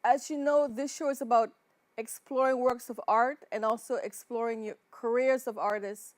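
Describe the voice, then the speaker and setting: Female interview host, high voice, dry close sound, deliberate questions. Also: steady tone, no room sound. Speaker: show host. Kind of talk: hosted interview.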